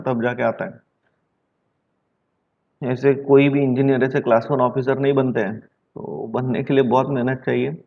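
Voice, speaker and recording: This stern math teacher from Maharashtra, India, lectures in an online class with a creaky, mid-range voice. He scolds, repeats himself, and mixes English math terms into his speech, and the audio is dull and lo-fi.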